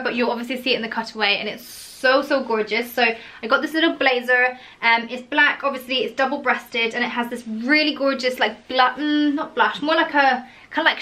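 A woman's voice: a little high, bright, forceful tone. A young woman in her twenties, chatting casually and gushing about clothes in a home haul vlog, full of "like" and "so". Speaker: fashion vlogger.

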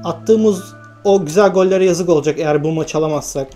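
A man giving live commentary over his own football video game match, bursting with excitement on goals and muttering to himself when things go wrong. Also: on the high side, fairly quick, faint music behind. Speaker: gaming YouTuber.

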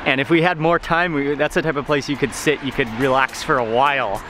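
A man's voice: mid-range voice, steady tone, fairly quick, noisy background. A man in his thirties, chatty and enthusiastic, filming a travel vlog with a camera held at arm's length outdoors and at a restaurant. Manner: enthusiastic, chatty, savoring food aloud. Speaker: travel vlogger. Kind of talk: casual food and travel vlog. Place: outdoors in a city, on a boat and at a restaurant. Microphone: handheld camera at arm's length. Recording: music playing underneath.

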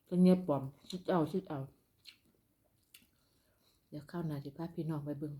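Woman, northeastern Thai Isan accent, deep register, mellow timbre, casual eating-show chat, talking while eating. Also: fairly even intonation, normal speed. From northeastern Thailand. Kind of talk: casual mukbang chat to followers.

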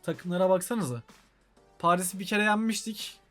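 A man's voice: high-pitched, animated, moderate pace, fairly bright tone, soft background music. A young man with a Turkish accent giving let's-play commentary on a football video game, breaking into frustrated outbursts at the game. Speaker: gaming YouTuber.

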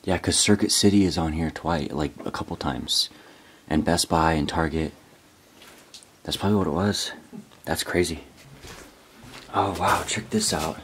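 A young man with a low voice hosts a casual urban exploration vlog inside an abandoned newspaper building. He's excitable and chatty, thinking out loud as he explores the ruins, with slight background noise.

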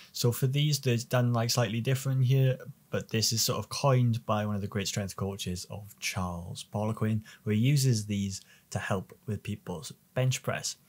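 A man's voice: lowish voice, husky. A man, explaining gym exercises as a strength coach in a practical, plain way. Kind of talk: instructional workout voice-over. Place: large indoor gym.

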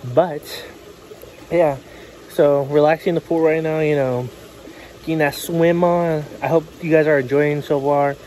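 A chatty young man talks straight to his camera in a casual vlog, his voice sitting a touch high. He is outdoors by a backyard pool, and a faint hiss runs underneath. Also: fairly even intonation, unhurried. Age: young adult. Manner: chatty, jokey, yells out loud now and then. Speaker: vlogger.

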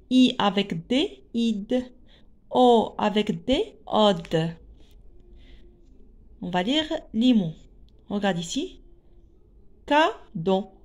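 A woman teacher reads syllables and short words aloud to young children at a very slow pace. She sounds each one out with care and says it again. Her pitch sits in the middle of the range. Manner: adds Arabic translations. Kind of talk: reading lesson for young children.

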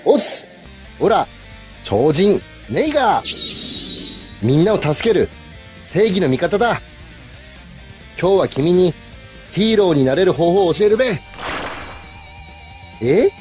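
A man's voice: high voice, very animated, takes it slowly, pauses often, darkish tone, soft background music, heavily acted. A man playing a cheerful hero with a twang. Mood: encouraging. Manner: bold heroic cheer, talking to small children. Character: cheerful male superhero, kind and encouraging.

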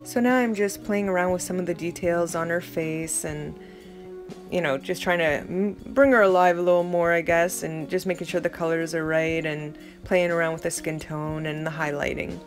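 A woman's voice: lowish voice, steady tone, moderate pace, over music. A middle-aged woman giving a casual, rambling voice-over of her art process, chatty and self-admittedly dramatic. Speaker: art vlogger.

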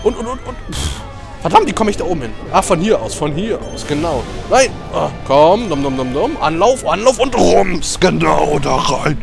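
A young man with a high voice commentating a video game. He talks fast and jokes constantly, rambling from one silly thought to the next. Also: very animated, creaky, over music. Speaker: let's play commentator. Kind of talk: casual gaming commentary.

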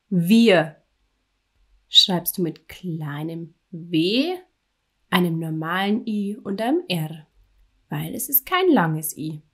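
Slow, clearly spoken teacher woman. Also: on the low side. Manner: slow, clearly articulated dictation with encouraging praise. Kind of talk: dictation lesson for children.

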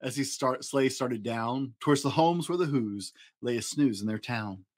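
A man with a medium-pitched voice reads a children's story at a moderate pace, using dramatic, playful emphasis. He is a dad storyteller and host, recording in a small home studio room.

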